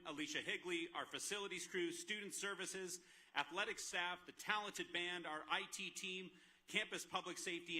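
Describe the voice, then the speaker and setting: A man, a university president, giving a commencement speech, earnest as he lists his thanks. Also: sits high. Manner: earnest, listing thanks at a steady clip. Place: outdoor graduation ceremony over a PA.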